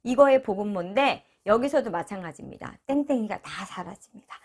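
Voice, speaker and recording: Woman teacher, pronunciation lesson, syllables sung out twice, very lively pitch, calm explaining. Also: a little fast, breathy edge. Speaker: Chinese language teacher.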